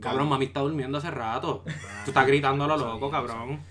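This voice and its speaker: Fast, bright-voiced man. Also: mid-range voice, steady tone. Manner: bossy, hushes others, swears often. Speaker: podcast co-host. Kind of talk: casual chat among friends.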